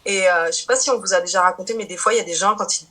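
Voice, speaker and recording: Guest: a woman in her thirties, casual, chatty, quick to laugh. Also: mid-range voice, fairly bright tone. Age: 30s. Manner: chatty, many fillers and restarts, laughs easily. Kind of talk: casual chat.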